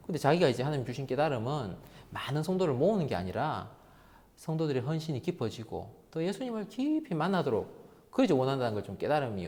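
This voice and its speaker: A man preaching a sermon as pastor, acting out quoted voices and dropping to soft tones. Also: medium pitch. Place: church sanctuary. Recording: reverberant church sanctuary.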